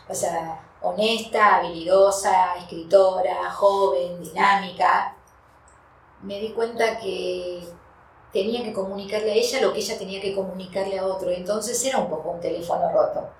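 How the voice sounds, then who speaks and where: A woman with a Rioplatense Argentine accent, a food business owner telling stories as a podcast guest, animated and quick to laugh. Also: mid-range voice, roomy sound, far from the mic, a little hiss or hum, rough recording. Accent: Rioplatense Argentine Spanish. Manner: animated storyteller, laughs often. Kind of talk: casual podcast interview.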